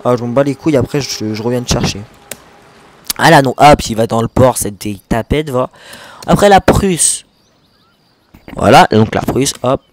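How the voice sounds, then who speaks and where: A man with a French accent giving a casual, rambling gameplay tutorial, talking fast and swearing constantly. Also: mid-range voice, no room sound. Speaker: gaming video host.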